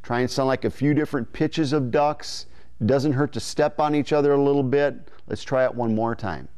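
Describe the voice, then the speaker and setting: A man in his forties with a clear, smooth voice, explaining step by step as an informal, folksy instructor on a lapel mic in a studio. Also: medium pitch, normal speed, a little mellow. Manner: folksy, informal, imitating call syllables as he explains. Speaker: duck calling instructor. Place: indoor studio in front of a green-screen backdrop.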